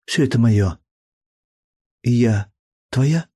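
A man's voice: medium pitch, slow, mellow, slightly rough. A man reading an audiobook, voicing a tender, playful young woman in love in a raised, breathless voice.

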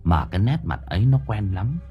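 Husky storyteller man. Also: fairly low pitch, sing-song, a little fast, muffled recording, soft background music. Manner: vivid, dramatic storytelling. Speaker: audiobook narrator. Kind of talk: scripted story narration.

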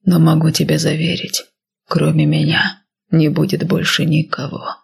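A woman reading the lines of a possessive, commanding husband in an audiobook, low and half-whispered. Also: level tone, moderate pace, full character voice. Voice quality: husky, breathy.

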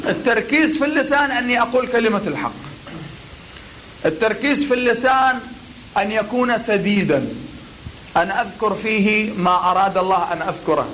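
A male cleric lectures on oratory in a high, deliberate voice. He leans on key words and lets short silences frame them, with a faint hiss under the recording. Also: expressive, a bit bright, rough recording. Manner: deliberate and emphatic, pausing before key words. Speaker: cleric teaching preaching.

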